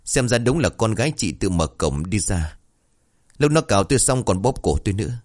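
Brusque village cop, quick and irritable, as a male narrator plays him. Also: on the low side, sing-song, a little mellow. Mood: gruff. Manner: brusque, scolding. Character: gruff rural policeman, blunt and irritable.

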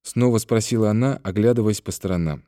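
A man reading an audiobook in a calm, even storytelling manner. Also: lowish voice, brisk, no echo, studio quality. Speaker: audiobook reader. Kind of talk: scripted narration.

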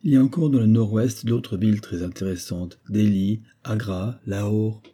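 A calm, level-headed engineer from an audiobook novel, as a man reads him. He speaks in a measured, reasoning way with a dark, husky voice. Little sets him apart from the narrator. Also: on the low side.

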